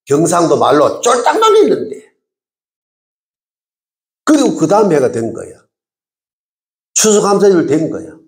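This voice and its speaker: Lively older preacher with a Gyeongsang accent. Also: male voice, fairly high pitch. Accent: Gyeongsang Korean. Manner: emphatic, acts out dialogue, calls for amens. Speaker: guest revival preacher. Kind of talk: sermon with storytelling. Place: church sanctuary. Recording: echoey church hall.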